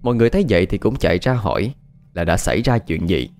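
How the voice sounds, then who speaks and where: A male storyteller tells a ghost story, his voice low and full of rises and falls. He stresses the frightening moments with drama. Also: quick pace, faint music behind. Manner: expressive, dramatic. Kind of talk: scripted ghost story narration.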